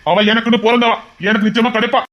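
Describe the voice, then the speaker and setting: An actor playing a lovesick son in his twenties, who refuses an arranged marriage in a low, subdued, stubborn voice. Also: flat delivery, fast talker, fairly bright tone. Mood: stubborn, pleading. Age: 20s. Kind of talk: amateur audio drama.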